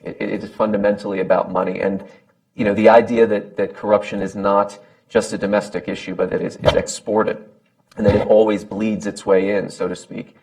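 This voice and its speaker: A man's voice: lowish voice, little pitch movement, a little fast, vocal fry, a little mellow, poor audio. A man speaking off the cuff on a panel in a hesitant, thoughtful way, often repeating words as he forms his point. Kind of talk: unscripted panel remarks.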